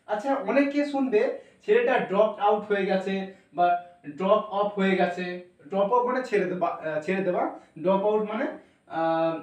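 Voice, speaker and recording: Male teacher, Bengali accent, high voice, spells words out slowly, captured from a distance. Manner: explains step by step, spells words letter by letter with fillers. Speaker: English teacher. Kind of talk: classroom lesson on spelling and pronunciation. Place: classroom. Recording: echoey room, voice from off the mic.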